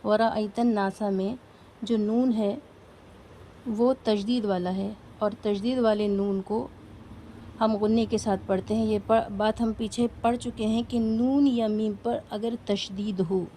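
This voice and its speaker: A woman's voice: on the high side, mellow, a little hiss or hum. A woman teaching a recitation class, explaining each rule patiently step by step and asking her students questions.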